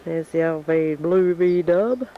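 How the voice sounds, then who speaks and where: A woman's voice: lowish voice, takes it slowly, phone-quality sound, a little hiss or hum. An Australian woman giving a chatty, reminiscing tour of her family home on a home video. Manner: reminiscing, chatty narration while walking. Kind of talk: casual home-video walkthrough. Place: family house and backyard. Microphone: camcorder microphone.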